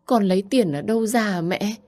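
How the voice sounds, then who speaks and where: A woman's voice: mid-range voice, a little fast, dark tone, voice pushed up, close to an everyday voice. A woman voicing a worn-out young daughter who speaks in an anguished, raised voice.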